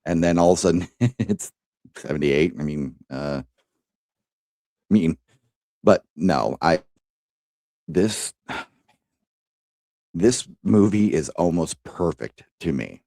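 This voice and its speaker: Man co-host, very low voice, unhurried, dry close mic, swears and gushes. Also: animated, creaky, a little mellow, no echo. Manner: enthusiastic, swears freely, laughs often. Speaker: podcast co-host. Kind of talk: casual chat.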